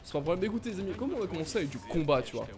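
A man hosting a let's play, giving excitable gaming commentary and making playful blaster sound effects. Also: high-pitched, rapid-fire. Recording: game music in background. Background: game music.

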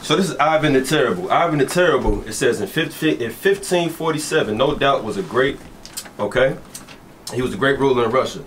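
A man preaching forcefully in a heated street debate, repeating and pressing his points. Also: medium pitch, expressive, brisk, slight background noise.

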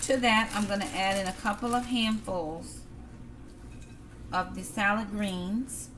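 A middle-aged woman talks her viewers through a home-cooked meal, calling them "y'all" in an easy, chatty way. Her voice sits at an ordinary pitch. She is picked up by a camera on the kitchen counter, with clear clatter of pans, dishes and cutlery behind her. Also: fairly even intonation, a little slow, background noise. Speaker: cooking vlogger. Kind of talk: casual cook-with-me narration.

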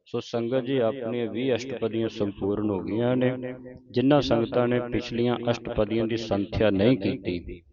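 A man teaching scripture pronunciation in a slow, line-by-line recitation lesson, stopping to correct words. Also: mid-range voice, steady tone, dull audio, crowd noise. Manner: measured, pauses to correct pronunciation.

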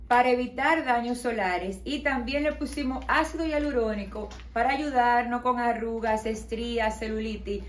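A middle-aged Dominican woman with a somewhat high voice presents her skincare line in a measured promotional tone. She is heard from a distance in a small room with a noticeable echo. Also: a little hiss or hum. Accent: Dominican Spanish. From Dominican Republic. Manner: explanatory, promotional, steady with some hesitation fillers. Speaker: skincare company owner, interview guest. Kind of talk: product presentation in an interview. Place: small decorated showroom with balloons, indoors. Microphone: camera at a distance.

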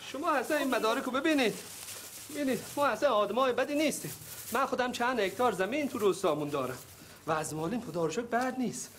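A man's voice: very high-pitched, lively intonation, a bit bright, slight background noise. An actor playing an emotional village man searching for his long-lost father in a TV sitcom, talking in a melodramatic, tearful way. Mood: earnest. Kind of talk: TV sitcom acting.

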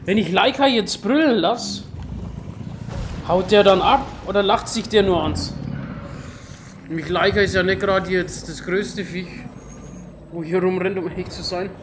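A man with a Franconian German accent doing excited, casual gameplay commentary, full of loud exclamations. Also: high voice, unhurried, pauses often, noisy background. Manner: exclaims a lot, talks to his pet in the game. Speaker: let's player.

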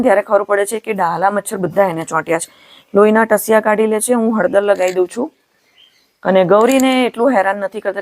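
A young woman with a Kathiyawadi Gujarati accent, chatting casually in a farm vlog and calling out loudly to her cows in a cattle shed. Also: medium pitch. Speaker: farm vlogger.

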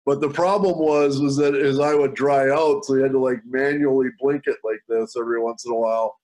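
A middle-aged man speaking as a guest at an online summit, telling a story with lively quoted voices. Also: medium pitch, a little fast. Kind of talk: storytelling talk.

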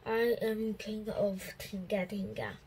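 A woman voicing a male lion who has lost his roar, in a slow, plain read-aloud manner. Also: medium pitch, steady tone, darkish tone, slight background noise. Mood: proud.

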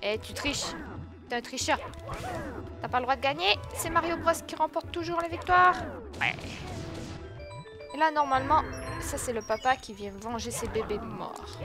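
A young woman talks through her gameplay in a high, bright voice, yelping when things go wrong and scolding the character on screen. Game music plays clearly underneath her commentary. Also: moderate pace, long pauses. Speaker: let's play gamer. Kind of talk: excitable gaming commentary.

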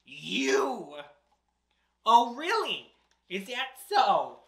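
Sitting in an armchair on a small indoor set, a drag host reads to children and chats in a theatrical, playful, exaggerated way. The mid-range voice swoops wildly in pitch, stretches words out, and is creaky and a bit bright. An echoey indoor room colors the audio.

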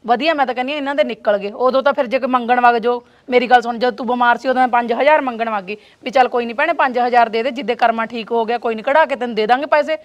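Nagging wife in a comedy skit, high voice, talks fast. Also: female voice, muffled recording. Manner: nagging, argumentative. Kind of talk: comedic short film acting.

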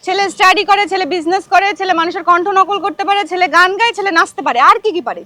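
A woman hosting a quiz show, teasing her guests in a quick, animated way. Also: very high voice. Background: background music.

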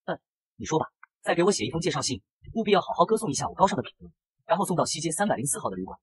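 A man reading as a feisty young maid girl from a comic, sassy and scolding, husky breathy tone, very quick. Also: on the high side, very animated, no room sound, exaggerated voice.

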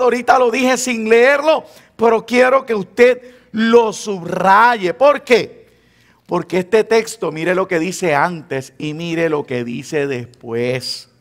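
A man with a Puerto Rican Spanish accent, preaching a sermon as pastor in a conversational, teasing way. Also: high-pitched. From Puerto Rico. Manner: conversational preaching, teasing the congregation, acting out quoted believers.

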